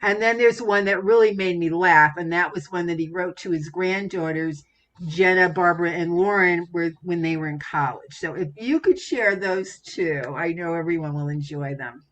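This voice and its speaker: Bright, effusive woman host on video call. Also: fairly low pitch, normal speed. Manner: effusive, gushing praise. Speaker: interview host. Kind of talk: live online interview.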